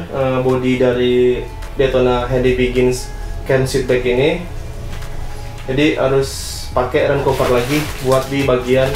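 A young man casually reviewing a camping bag in a small gear-filled room, chatty with lots of fillers and tag questions. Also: medium pitch. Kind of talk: casual product unboxing. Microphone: camera on tripod, seated. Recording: echoey room with faint music.

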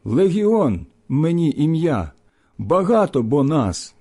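A man's voice: a little high, sing-song, takes it slowly, exaggerated voice. A man putting on a desperate possessed man. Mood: begging. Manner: pleading, cries out loudly. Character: tormented man possessed by many demons.

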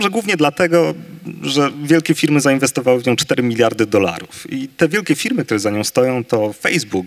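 A man's voice: medium pitch, fairly bright tone. A man on a large conference stage with a handheld mic, confidently laying out his side of a staged debate. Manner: confident, listing facts briskly. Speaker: conference debater on virtual reality.

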